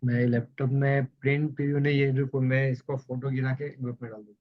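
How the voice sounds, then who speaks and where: Student caller, man, mid-pitched; choppy bad connection, lo-fi dry sound, hesitant questions. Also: level tone, no echo. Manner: halting, fills with "matlab". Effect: choppy voice over a bad internet connection. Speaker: student in an online class. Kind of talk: asking a question on a call. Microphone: video call. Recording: dull lo-fi call audio, dry.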